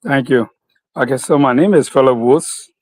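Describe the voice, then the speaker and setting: Slow-speaking Liberian man, dry close sound. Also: mid-range voice, no echo, rough recording. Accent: Liberian English. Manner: slow, measured, with many fillers. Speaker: guest, company founder. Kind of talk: interview answers.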